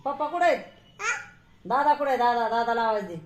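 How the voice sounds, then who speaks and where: A woman's voice: fairly high pitch, a little fast. A woman scolding a small child in a teasing way at home, repeating herself. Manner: teasing, playfully scolding, repetitive. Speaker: video creator. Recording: echoey room.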